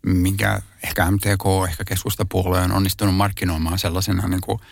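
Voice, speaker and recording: Gravelly, husky Finnish activist man. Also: low voice, little pitch movement, no room sound, studio quality. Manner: thoughtful, hesitant, many fillers and restarts. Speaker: animal rights activist. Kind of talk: conversational interview answers.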